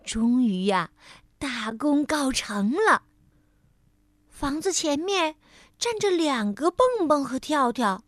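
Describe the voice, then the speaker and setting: A woman storyteller slowly and expressively narrating a children's story on a close mic. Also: high-pitched, dry recording. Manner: slow, expressive, warm storyteller tone.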